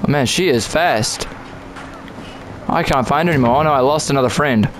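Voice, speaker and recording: A man's voice: mid-range voice, a little fast, background noise. A man giving casual, jokey commentary on his own gameplay, chatting to himself and to other players.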